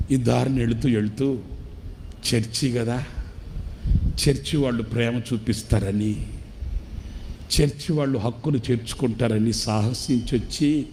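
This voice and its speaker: A man's voice: mid-range voice, warm tone, slight background noise, lightly acted. A man voicing a starving elderly retired man who weeps and begs for food in a trembling voice. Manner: weeping, begging, trembling voice.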